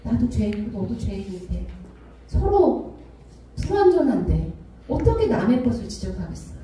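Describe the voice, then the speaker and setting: A woman pastor preaching a sermon, calling for amens and acting out arguing couples in sudden high voices. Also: very animated, normal speed, mellow, slight background noise. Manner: call-and-response preaching, acting out quarrels. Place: church sanctuary. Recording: echoey church hall, mic at a distance.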